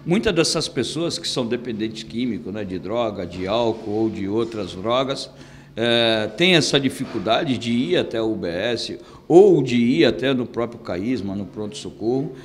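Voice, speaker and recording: A middle-aged man, a city councillor, giving an interview into a handheld microphone and speaking haltingly with repeated restarts. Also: mid-range voice, animated, slight background noise. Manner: hesitant, with fillers and restarts.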